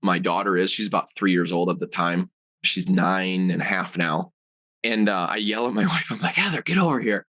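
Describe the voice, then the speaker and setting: Male podcast guest, lower register, casual animated storyteller, loose and filler-heavy. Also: normal speed. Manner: animated, rambling with many fillers. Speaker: guest, supplement company founder.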